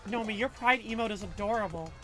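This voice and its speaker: Quick-paced and sharp-toned, a woman with a medium-pitched voice livestreams, reading chat out loud and talking with viewers in a slangy, rambling, loose manner. There's faint background music.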